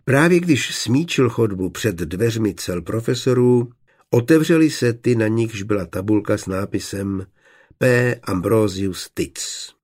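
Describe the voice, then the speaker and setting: A man narrating an audiobook in a steady, measured way. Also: on the low side.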